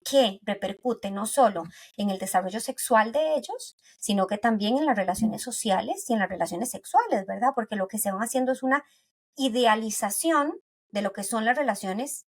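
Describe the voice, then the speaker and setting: A woman with a Costa Rican accent speaks as a guest on a podcast. Her voice sits a little high, and she explains things with everyday anecdotes, closing many sentences with a questioning tag. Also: lively intonation, normal speed, slightly rough. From Costa Rica. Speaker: pediatric neuropsychologist guest.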